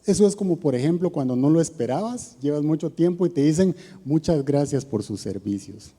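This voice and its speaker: A man's voice: on the high side, expressive, a little fast, warm tone, slightly rough. A man preaching a sermon in a conversational way, asking his listeners questions, with a Costa Rican accent. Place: church. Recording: long church reverb.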